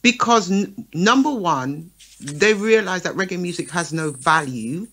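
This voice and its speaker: On a radio talk show, a woman co-host with a lowish voice speaks a little slowly. She works as a promoter and stays lively, punctuating her points with frequent "right?" and "okay?" check-ins.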